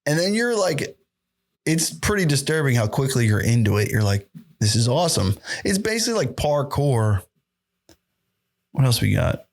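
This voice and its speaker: A young man hosting a podcast, reacting to videos in a loose, excitable, profanity-heavy way and laughing often into his podcast mic. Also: mid-range voice. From United States. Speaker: podcast host. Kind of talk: casual reaction commentary.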